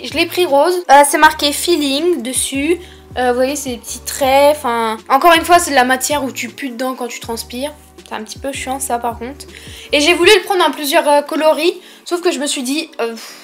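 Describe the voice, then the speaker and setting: Casting: young female haul vlogger, high-pitched, lisping s, informal chatty delivery, faint music underneath. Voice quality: lisp on s sounds. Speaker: vlogger presenting a shopping haul. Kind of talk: casual chatty haul presentation.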